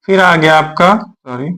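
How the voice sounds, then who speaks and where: Slow, high-voiced male teacher. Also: a bit bright. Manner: repetitive, drills syllables aloud; clears his throat often. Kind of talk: exam-prep grammar lesson.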